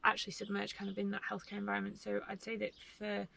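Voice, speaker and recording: Bright, creaky-voiced young woman chatting. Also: mid-range voice, monotone, fast talker. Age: 20s. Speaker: vlogger, medical student. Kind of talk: casual chat to camera. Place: inside a parked camper van.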